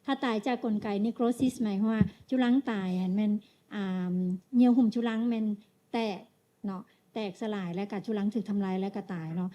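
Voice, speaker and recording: A woman with a Lao accent interpreting a medical lecture, measured, pausing often and ending phrases with tag particles. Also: mid-range voice, steady tone, dark tone.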